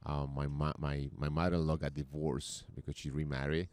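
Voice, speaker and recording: A man's voice: extremely low pitch, little pitch movement, a little fast, darkish tone, no echo. A man in his forties with a Colombian accent, a podcast guest who often halts and repeats words as he talks. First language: Spanish. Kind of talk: casual interview talk.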